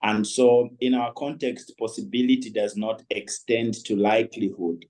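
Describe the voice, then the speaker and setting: A man's voice: on the low side, steady tone, moderate pace, a little mellow, rough recording. A man speaking as a guest on a leadership panel, reflective and talking with many fillers. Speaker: guest speaker, company founder. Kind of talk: panel discussion.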